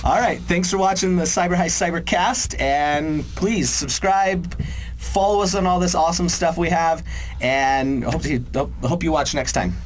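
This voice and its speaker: A man's voice: on the high side, moderate pace, slight background noise. A young man, a game producer, chatting casually about design features and acting out player lines. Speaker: game producer co-hosting a dev video series. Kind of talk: casual chat.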